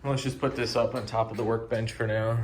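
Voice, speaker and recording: Brief: young adult man, mid-pitched, easygoing how-to narration over faint shop noise. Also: brisk. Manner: relaxed, step-by-step, frequent fillers. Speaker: car DIY video host. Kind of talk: casual how-to narration while working. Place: home garage workshop.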